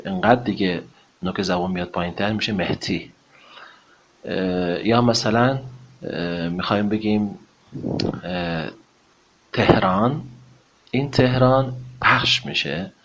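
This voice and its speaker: A deep-voiced man gives an English pronunciation lesson, pausing often and then saying model words slowly and carefully for learners to repeat. His speech stays polite and formal. A faint hiss sits under the recording. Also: fairly bright tone, muffled recording. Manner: polite, formal phrasing with frequent hesitations.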